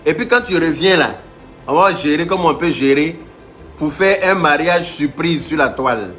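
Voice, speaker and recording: A man rants to his live-stream viewers in a fairly high voice, teasing and mocking. He trips over restarts as he goes, with faint music playing under him. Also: normal speed, a bit bright.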